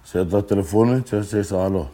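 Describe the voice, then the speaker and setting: A man's voice: on the low side, mellow. A man, telling his story as a guest in a casual interview, swearing often and restarting his sentences. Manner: street slang, swears often, halting restarts.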